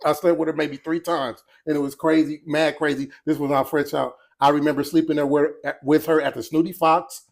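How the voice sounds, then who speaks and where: A man with a slightly high voice chats loosely on a podcast. He laughs through his stories, stops himself mid-thought and starts again. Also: little pitch movement, brisk, gravelly, few pauses. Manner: laughing storyteller, trailing off and restarting. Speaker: podcast guest. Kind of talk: casual chat.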